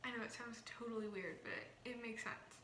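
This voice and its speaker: A woman's voice: fairly high pitch, a little fast, sharp tone. A young woman with a slight lisp, as if wearing a retainer, explaining ideas casually and informally to a camera. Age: young adult. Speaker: vlogger. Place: small indoor room. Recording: roomy echo, faint background noise.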